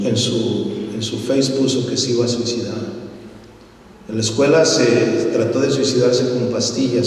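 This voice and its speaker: Man, visiting pastor, fervent sermon, loud emphatic peaks, booming hall echo, heard from a distance. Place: large church hall. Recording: echoey church hall, mic far off.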